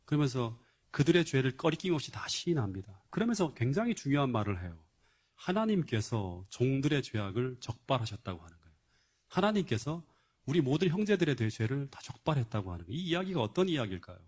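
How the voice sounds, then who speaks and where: A man's voice: medium pitch, big pitch swings, quick pace, darkish tone, breathy edge. A male pastor giving a sermon, retelling a Bible story emphatically with rhetorical questions and frequent interjections of "yes".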